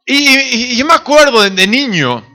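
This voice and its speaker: A man in his thirties preaching a sermon in church, telling family stories, acting out the voices of the people in them and shouting at the high points. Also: sing-song, moderate pace, faint music behind. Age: 30s. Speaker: pastor. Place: church sanctuary.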